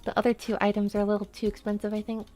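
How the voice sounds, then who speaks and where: A woman VTuber streams a game while chatting casually, rambling with plenty of "like" fillers. Her mid-range voice is monotone, rapid-fire, and a little mellow, with faint music playing behind her.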